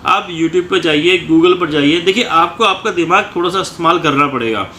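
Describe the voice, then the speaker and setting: A man's voice: fairly high pitch, normal speed, sharp tone. A man who coaches students, giving a motivational talk in short, repeated phrases. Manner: talks in repeated short phrases, often ends with "ठीक है". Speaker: coaching teacher. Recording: echoey room, faint ambient noise.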